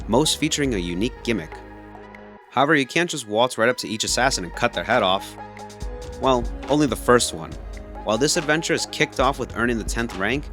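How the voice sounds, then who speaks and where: A man's voice: fairly low pitch, fairly bright tone. A man reading scripted narration as a video essayist.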